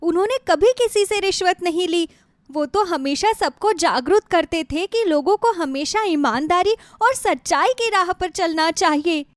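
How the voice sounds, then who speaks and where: A woman's voice: high-pitched, lively intonation, a little slow, no room sound. A woman voicing a distraught young bride in a storybook tale, speaking in a tearful, pleading manner.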